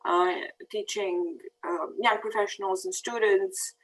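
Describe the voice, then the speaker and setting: A woman in her thirties gives a prepared talk over slides. She speaks at a middling pitch for a woman and hesitates often. She stops on ums and restarts her sentences. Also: steady tone, measured pace, poor audio. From Bosnia and Herzegovina. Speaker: peace fellow giving a presentation.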